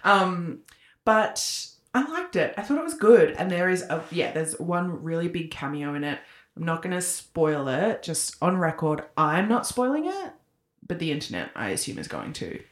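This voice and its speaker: Low-voiced chatty woman. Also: very animated, normal speed. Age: 30s. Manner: chatty, rambling, many likes and ums. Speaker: podcast co-host. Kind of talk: casual chat. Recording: echoey room.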